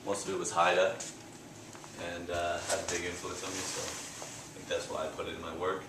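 A young Canadian painter answers interview questions at his gallery show, talking about his paintings in a relaxed, rambling way with fillers and restarts. His voice sits low at normal speed. A handheld camera close by captures him in the echoey indoor gallery, with background noise.

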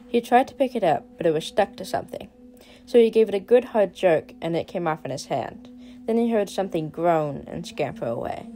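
Low-voiced woman reading a scary story. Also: slight background noise, poor audio. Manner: dramatic storytelling, varying loudness for suspense. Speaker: storyteller and artist. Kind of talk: reading a horror story aloud.

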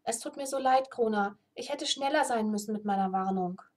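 A woman's voice: a little high, fairly quick, a little mellow, lightly acted. A woman voicing a fretful young man who whispers and sniffles. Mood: tearful.

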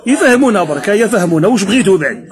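A man's voice: high-pitched, animated, very fast, crowd noise. A man with an Algerian Arabic accent delivering a mocking, sarcastic political rant that speaks straight at his opponents. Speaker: political commentator.

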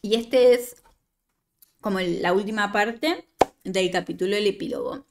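A woman's voice: mid-range voice, a little slow, gravelly, noisy background. A woman leading a writing workshop, reading a student's story aloud and giving chatty, digressive, teasing feedback.

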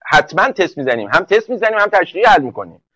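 A man's voice: high voice, very animated, bright, forceful tone, dry recording, poor audio. A man teaching English for an entrance exam in a live online class, joking and speaking directly to students one by one.

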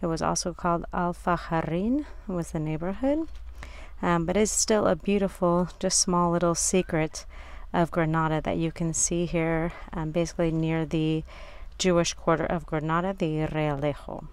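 A woman's voice: on the low side, steady tone, moderate pace, smooth, no echo. A woman narrating a casual walking tour as a local guide, recorded outdoors on a handheld device. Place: outdoors in city garden and streets.

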